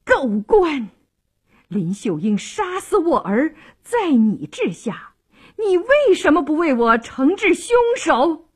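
A woman voicing a haughty, imperious noblewoman who talks in a shrill, scolding way, in a traditional storytelling broadcast. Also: very animated, takes it slowly, a bit bright, heavily acted. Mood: imperious, angry.

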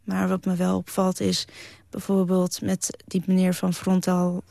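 A woman's voice: fairly low pitch, completely flat delivery, a little slow, creaky, mellow, dry recording, studio quality. A woman writer as a guest on a radio talk show, talking earnestly and with emphasis, often restarting her sentences.

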